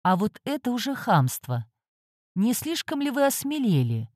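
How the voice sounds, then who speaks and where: A woman's voice: a little high, big pitch swings, moderate pace, darkish tone, dry recording, clean studio sound, voice pushed up. A woman voicing a stern, mocking male master of a magic academy in an audiobook. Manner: mocking, coolly ironic.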